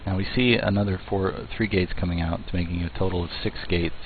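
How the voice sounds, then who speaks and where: A man giving play-by-play commentary on a strategy game match, talking in a measured way with fillers and restarts. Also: deep voice, steady tone. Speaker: esports caster. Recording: tinny phone-like line, faint noise.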